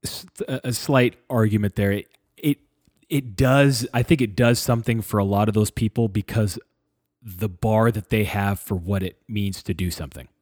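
Man, casual discussion, thinks aloud, self-correcting, lowish voice, dry sound. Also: fairly even intonation, moderate pace, a little mellow, no echo.

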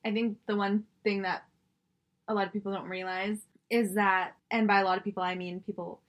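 A woman from Singapore, in the middle of her usual pitch range, chatting casually as a co-host. She speaks in a reflective way and often reaches for "like" as she gathers her thoughts. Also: flat delivery, fairly quick, muffled recording. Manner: reflective, many "like" fillers. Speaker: podcast co-host. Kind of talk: casual conversation.

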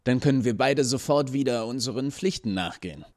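A man's voice: mid-range voice, lively intonation, fairly quick, darkish tone, no echo, studio quality, pitched above the performer's own voice, close to an everyday voice. A man voicing a nervous masked male gatekeeper who stammers and pleads. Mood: flustered.

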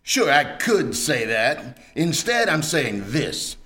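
A man's voice: on the high side, sing-song, slow, pushed and bright, exaggerated voice. A man voicing a demanding, curt and authoritative krill police chief in a comedic radio play. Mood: commanding.

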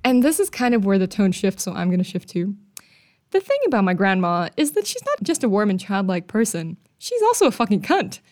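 A woman's voice: medium pitch, very animated, fairly quick, few pauses, a little mellow. A young woman co-hosting a podcast, reading a creepy story aloud with a profane, giggly, mock-dramatic delivery. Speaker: podcast co-host.

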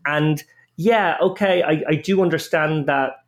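A man's voice: on the high side, unhurried. A man talking casually and with opinions as a podcast guest, qualifying his points as he goes. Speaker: podcast guest, poker player and commentator.

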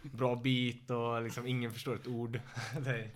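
A young man in his twenties who fights MMA, chatting in a relaxed, loose way with many filler words. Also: medium pitch. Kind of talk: casual podcast chat.

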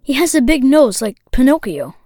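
A woman's voice: high-pitched, big pitch swings, normal speed, dark tone, no echo, clean studio sound, heavily acted. A woman playing a blunt little boy caller. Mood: earnest. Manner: simple, blunt childlike phrasing.

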